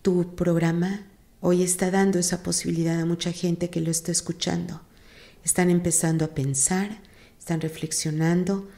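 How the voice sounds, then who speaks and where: A Mexican woman, a psychologist and institute director, giving measured explanations in an interview. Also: on the low side, level tone, vocal fry, dark tone.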